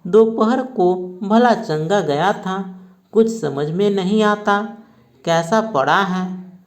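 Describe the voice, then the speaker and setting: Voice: mid-range voice, takes it slowly, natural voice. A reader voicing a worried mother who frets anxiously over her sick son, in a school reading of a play. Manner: anxious, fretting.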